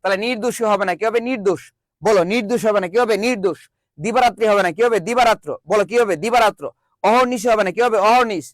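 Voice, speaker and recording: A man with a high, quick voice leads an online grammar class. He drills his students call-and-response style, repeating each question before answering it himself. The sound is dry and close, with no room echo. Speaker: teacher. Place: virtual classroom.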